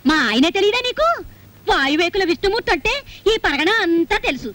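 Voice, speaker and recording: Very high-voiced fierce wife. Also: female voice, expressive, a little fast. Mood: scolding. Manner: sharp scolding, then pleading through tears. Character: fierce, devoted middle-class wife, quick to weep. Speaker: wife searching for her husband. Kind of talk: old film drama dialogue. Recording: film soundtrack with music underneath.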